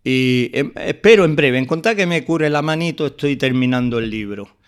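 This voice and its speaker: A man's voice: medium pitch, expressive, moderate pace, smooth. An older man, a guest poet telling heartfelt stories in a radio interview. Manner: earnest, heartfelt storytelling with frequent restarts. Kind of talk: radio interview, reminiscing and introducing poems.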